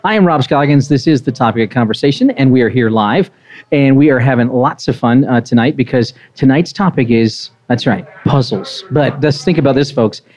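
A man's voice: mid-range voice, moderate pace, darkish tone. Rambling upbeat male talk show host. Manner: rambling, repeats himself, upbeat. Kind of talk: live talk show interview. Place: restaurant with live audience.

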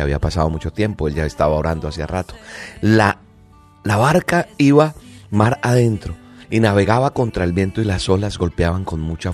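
A man with a fairly low voice delivers a daily devotional sermon, speaking close to the mic. He reads a scripture passage and then turns to earnest reflection and encouragement. Faint music plays behind him. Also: a little mellow. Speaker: preacher.

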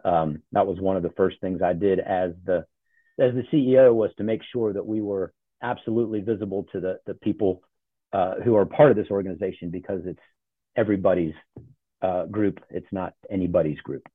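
A man in his forties with a lowish voice, talking easily and rambling a bit with plenty of fillers. He comes through a thin, phone-like line with a dry sound and no room around him. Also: a little fast, slightly rough, no echo. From born in Ohio, grew up in Charlotte. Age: 40s. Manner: relaxed, rambling with many fillers. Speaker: podcast guest, nonprofit CEO. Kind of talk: casual interview talk. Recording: tinny phone-like call audio.

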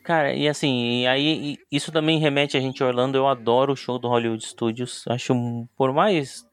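A man's voice: medium pitch, steady tone, normal speed, clean tone, no room sound. A man with a Brazilian Portuguese accent, co-hosting a casual film chat with informal slang, emphatic opinions and teasing banter. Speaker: podcast co-host.

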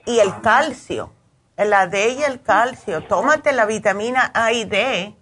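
A woman hosts a call-in health show, offering advice with affectionate reassurance. Her voice sits a little high for a woman. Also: lively intonation, fairly bright tone. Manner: affectionate, reassuring, quick backchannels. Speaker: radio health show host.

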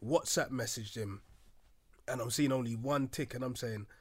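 A man's voice: mid-range voice, normal speed, husky. Earnest British man telling a story. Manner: earnest storytelling, acts out voices in quotes. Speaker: podcast guest. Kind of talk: casual chat.

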